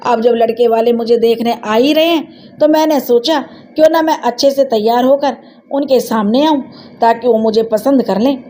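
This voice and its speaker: A woman's voice: fairly high pitch, normal speed, warm tone, lightly acted. A woman doing a cheeky, headstrong village girl. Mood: eager. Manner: coaxing, cheeky. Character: lively teenage village girl, playful and headstrong.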